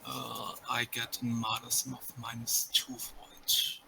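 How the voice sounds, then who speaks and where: Hesitant man player, slow and halting. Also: mid-range voice, completely flat delivery, creaky, pushed and bright, slight background noise, low-quality recording. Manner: hesitant, full of "uh"s. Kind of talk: playing a tabletop game.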